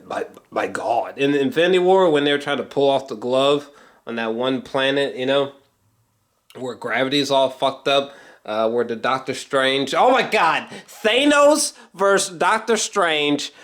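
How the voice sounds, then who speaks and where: Taking it slowly in a medium-pitched voice, a man offers an excited fan's film review. He meanders casually, swears a lot, and keeps hesitating and repeating lines for emphasis.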